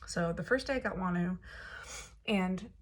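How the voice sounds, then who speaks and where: A woman's voice: fairly low pitch, normal speed. A woman vlogger telling a story in a casual, rambling way, full of fillers and "like". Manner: chatty, rambling, many fillers and "like".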